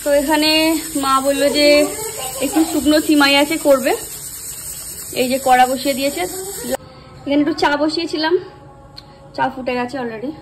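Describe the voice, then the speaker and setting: A woman with a high voice and fairly even intonation chats casually to her viewers in a daily home vlog, explaining her chores as she moves through the kitchen and rooms. She speaks at a normal speed with long pauses, keeps her voice soft while her child sleeps, and turns sing-song and coaxing with the child. The low-quality recording carries slight background noise.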